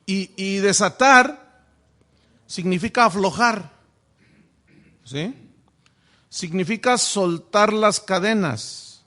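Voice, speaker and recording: A man's voice: high-pitched, slow pace, long pauses, bright, forceful tone. A pastor giving a sermon-style Bible lesson, often asking his listeners rhetorical questions. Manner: asks the audience frequent rhetorical questions. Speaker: pastor teaching Bible study. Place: church classroom with a whiteboard.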